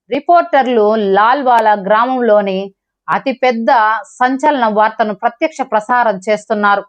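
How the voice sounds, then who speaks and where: Higher-voiced woman narrating a dramatic story. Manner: steady, dramatic storytelling delivery. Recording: dull lo-fi recording.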